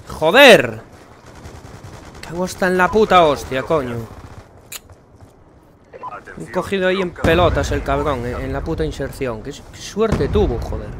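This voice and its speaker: A young man with a Spanish accent from Spain, commenting on his own gameplay in a frustrated, sarcastic way and swearing a lot. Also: on the high side. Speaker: gaming channel host. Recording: game noise and gunfire behind.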